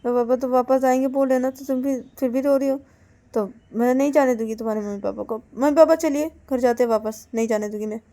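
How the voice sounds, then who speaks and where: A woman's voice: a little high, moderate pace, warm tone, close to an everyday voice. A woman voicing Ananya, a protective young woman who coaxes and scolds insistently in a storybook tale.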